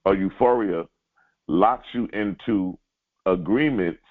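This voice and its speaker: Low-voiced man teaching over a tinny line. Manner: repeats key lines slowly for emphasis; addresses listeners directly. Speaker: spiritual teacher. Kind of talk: sermon-like teaching.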